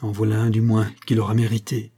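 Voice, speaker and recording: Male reader as a husky, heartbroken young country man. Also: fairly low pitch, completely flat delivery, fairly quick, mellow. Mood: threatening.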